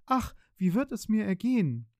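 A man's voice: high voice, big pitch swings, moderate pace, mellow, dry recording, clean studio sound, voice pushed up. A man reading a fairy tale aloud, voicing a proud young princess who grows plaintive and fearful. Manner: raised, plaintive voice.

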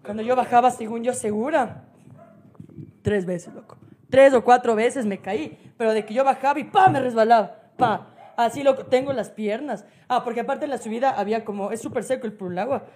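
High-pitched Ecuadorian woman podcast host, lively swearing storyteller, casual talk. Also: fairly quick. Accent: Ecuadorian Spanish. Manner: animated, swearing, laughing storyteller.

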